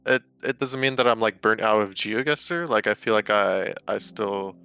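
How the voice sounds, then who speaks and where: Here the professional GeoGuessr guest, a young American raised with Romanian at home, talks at normal speed in a lowish, bright, forceful voice with vocal fry. The recording is smooth and echo-free with soft music behind him as he rambles casually, leaning heavily on "like" and "um."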